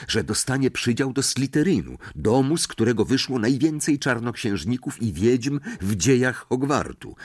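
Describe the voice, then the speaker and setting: A man narrating an audiobook in an expressive storytelling style. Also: lowish voice, no echo, clean studio sound. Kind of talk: scripted narration.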